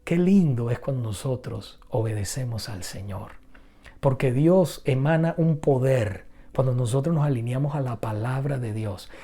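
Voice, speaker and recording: A middle-aged male pastor delivers a sermon with a mellow, warm tone and a mid-range pitch. He recounts a story earnestly, then presses his listeners with emphatic exhortation. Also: normal speed.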